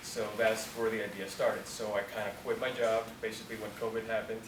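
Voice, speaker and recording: With a fairly low pitch and slightly fast delivery, a Colombian man in his twenties, a company founder, gives a casual, rambling talk to students, saying "like" over and over. He's in a university room, and the audio is noisy and echoey from a distant mic.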